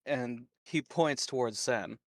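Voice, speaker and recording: A man's voice: mid-range voice, slow pace, no room sound, clean studio sound. A man narrating as game master, mildly stuffed up and laughing often between lines.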